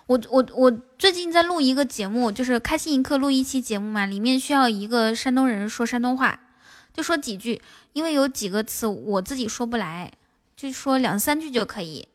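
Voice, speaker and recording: A woman's voice: fairly high pitch, animated, brisk. A woman hosting a casual livestream, chatting with viewers in a playful, coaxing way. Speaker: livestream host. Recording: music playing behind the voice.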